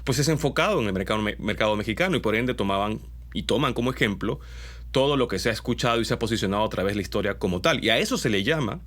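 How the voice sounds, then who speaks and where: Lively Peruvian voice-over man teaching. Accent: Peruvian Spanish, mixed. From Peru. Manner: animated, pitch jumping up on key points; explanatory, with frequent tag questions. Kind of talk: instructional talk to viewers.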